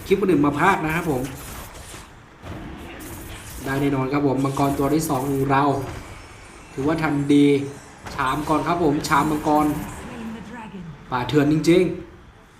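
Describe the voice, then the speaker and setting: A man with a slight cold giving excited voice-over commentary on his own gameplay, crying out in bursts and laughing often. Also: fairly high pitch, unhurried, long pauses, echoey room, a little hiss or hum. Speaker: gamer and video creator.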